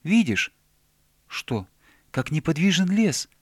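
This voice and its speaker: A man's voice: a little high, slow, slightly rough, dry recording, studio quality, voice pushed up, full character voice. A man voicing a small, eager male hedgehog who explains things insistently in a storybook reading. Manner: excited, explaining with urgency.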